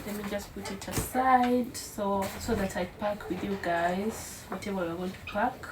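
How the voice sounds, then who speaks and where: A woman's voice: mid-range voice, fairly even intonation, measured pace, noisy background. Tired chatty young woman, echoey and distant. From Uganda. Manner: affectionate, chatty, addresses viewers as guys. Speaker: vlogger mother of twins. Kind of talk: casual family vlog.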